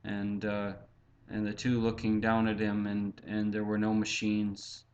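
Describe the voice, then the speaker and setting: A man recounting his own past in a halting, reflective way, full of fillers and restarts, often speaking of himself in the third person. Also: fairly low pitch, monotone, a little mellow. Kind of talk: personal storytelling.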